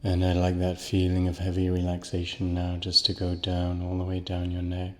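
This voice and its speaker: A man guiding a listener through a slow, soothing hypnosis relaxation, counting down and repeating calming phrases. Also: sits low, big-room sound. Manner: slow, soothing, repetitive induction. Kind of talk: guided hypnosis relaxation script.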